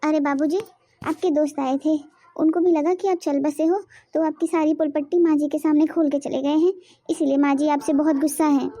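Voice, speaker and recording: A woman voicing a young, scheming daughter-in-law in a cartoon, bossy and quick-witted. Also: high voice, steady tone, warm tone, no echo, studio quality, lightly acted. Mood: explaining. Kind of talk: cartoon voice acting.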